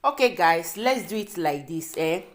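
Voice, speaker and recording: A young woman with a Nigerian accent in a casual unboxing vlog, excitable and repeating herself as she shows off food items. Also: on the low side, measured pace. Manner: excitable, repeats words, bursts of laughter. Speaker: vlogger. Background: faint crinkling of wrappers.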